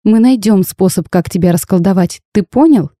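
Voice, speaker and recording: A woman reading the lines of a bold, sharp-tongued young half-fairy bride in a storybook tale, lively and teasing in tone. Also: medium pitch, moderate pace, no echo, studio quality, natural voice. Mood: spirited.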